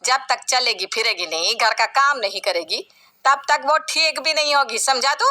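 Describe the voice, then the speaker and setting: Woman doing a bossy mother-in-law, sharp and scornful, bright high voice. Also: lively intonation, normal speed. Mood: scolding. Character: harsh scolding middle-aged mother-in-law.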